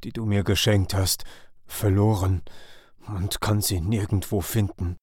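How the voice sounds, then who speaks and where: A man's voice: on the low side, fairly even intonation, unhurried, darkish tone, breathy edge, no room sound, studio quality. A man voicing a good-natured, clumsy otter in a children's audio story, hesitant and sheepish.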